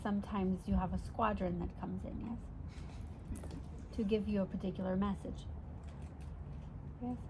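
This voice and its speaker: A woman in trance plays a channeled spirit guide, in the manner of a seance medium. The phrasing is formal and oddly ordered, patient and instructive, with a questioning "yes?" closing many thoughts. Birds and clear ambient noise sit behind the voice. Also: mid-range voice, steady tone, a little slow, pauses often, lightly acted. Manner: formal unusual syntax, ends statements with questioning "yes?". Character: Simon, a channeled non-physical spirit guide, patient teacher. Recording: noisy ambient recording with birdsong. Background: birds calling, ambient noise.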